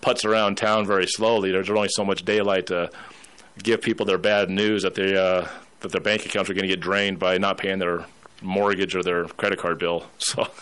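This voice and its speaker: Brief: male radio host, rambling and chatty, slightly low voice. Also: level tone, normal speed, a bit bright, smooth. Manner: rambling, storytelling with put-on voices. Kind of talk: casual radio talk.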